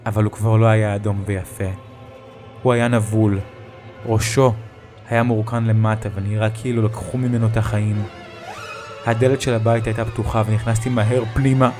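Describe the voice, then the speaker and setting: A man telling a first-person creepy story in a tense, hushed retelling. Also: on the low side, flat delivery. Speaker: narrator. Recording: music bed behind the voice.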